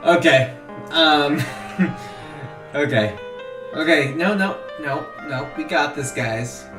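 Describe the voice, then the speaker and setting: A man's voice: a little high, slow. Guy doing casual let's play, echoey, a bit far from the mic. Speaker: gamer, let's player. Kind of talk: casual game commentary. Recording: roomy, distant mic, music behind.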